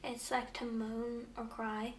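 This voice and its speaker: A woman's voice: fairly high pitch, flat delivery, slow, roomy sound, recorded from a distance, slight background noise. A woman quizzing her partner in a casual, playful and teasing chat. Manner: playful, teasing, laughs often.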